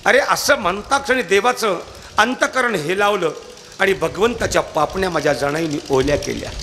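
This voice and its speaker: A man's voice: high voice, normal speed, pushed and bright. A man preaching a devotional kirtan, telling the story dramatically and calling out to his listeners at a live festival. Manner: emotional, dramatic, calls out to the audience. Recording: noisy live event recording.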